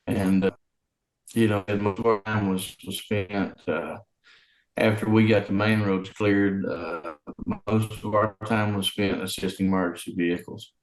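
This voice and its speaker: A man calls in over a conference line that keeps breaking up. His voice sits a little low, and the room around him rings with a roomy echo. He talks haltingly, leaning on fillers and restarting his sentences. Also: little pitch movement. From Arkansas. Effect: remote conference call audio that breaks up. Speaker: city public works official. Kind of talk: interview over a video call. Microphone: video call.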